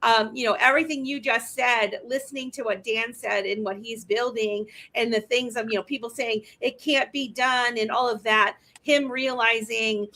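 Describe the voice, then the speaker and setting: Bright, chatty woman in her fifties. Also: fairly high pitch, steady tone, normal speed, few pauses. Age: 50s. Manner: chatty, teasing, laughs easily. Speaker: host. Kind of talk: casual panel chat.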